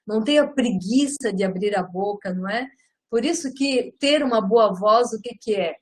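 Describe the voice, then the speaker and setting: A middle-aged woman gives a lively live lecture on public speaking. She often turns to her listeners and ends her phrases with tag questions. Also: medium pitch, moderate pace, poor audio. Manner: lively and animated, often addresses listeners as "gente".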